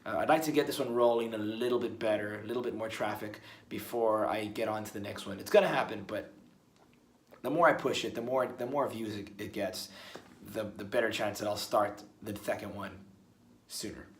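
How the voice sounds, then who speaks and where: Rambling low-voiced man, roomy sound. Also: a little fast. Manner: rambling, restarts words often. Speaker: musician vlogger. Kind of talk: casual one-take video blog. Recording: roomy with faint ambience.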